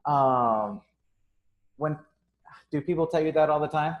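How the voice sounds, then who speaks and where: The recording has a lo-fi sound as a young man, who owns a gym, hosts a casual live interview. He is upbeat, says um and uh often, and speaks at a measured pace in a fairly high voice.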